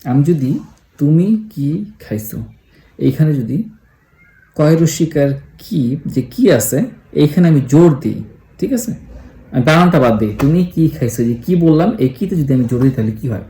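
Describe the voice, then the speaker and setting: A man talks through a religious lesson in a relaxed, mellow voice, filming himself in a roomy space that rings back. He pauses often to think and slips English words into his sentences, building his point through everyday examples. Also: on the high side. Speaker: Islamic explainer. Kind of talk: casual explanatory lesson. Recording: echoey room.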